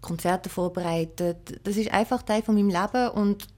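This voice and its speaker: Guesting on a conversational radio interview, this musician and piano-and-singing teacher from Belgium and Luxembourg speaks at normal speed. Her voice is medium-pitched with a darkish tone, and her answers are reflective yet matter-of-fact.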